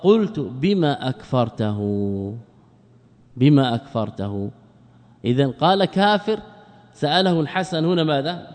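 A man's voice: fairly high pitch, expressive, moderate pace, pauses often, a little mellow, long reverb tail. A male sheikh teaching a grammar lesson, often asking and answering his own questions and repeating words for emphasis. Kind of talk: classroom lecture on Arabic grammar.

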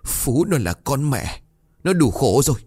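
Old mother in a ghost story, high and tearful, a man putting on the voice; lively swings in pitch, dry close sound. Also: unhurried, husky, dry recording. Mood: pleading. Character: grieving old village mother, pleading.

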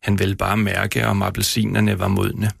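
A man, an author, reading his own prose on the radio and then talking about it in a halting way, repeating words. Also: low voice, level tone, gravelly, slightly rough, no echo, studio quality. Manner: halting, repeats words when speaking freely. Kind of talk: reading aloud, then casual radio talk. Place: radio studio.

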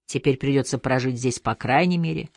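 A reader voicing Hugh, a weary older father who speaks calmly and gloomily. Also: vocal fry, no echo, natural voice. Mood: gloomy. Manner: calm, low, measured.

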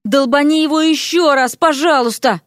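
A woman voicing a panicky young male student magician who yells in shrill, frantic bursts. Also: moderate pace, no room sound, clean studio sound, natural voice. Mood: panicked.

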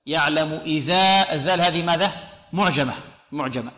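A man leads a Quran recitation lesson in a bright, forceful voice, a little higher than most men. He poses questions, answers them, and repeats letters and verses slowly to show how they sound. The room around him rings with echo. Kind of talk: tajweed lesson with recited demonstrations.

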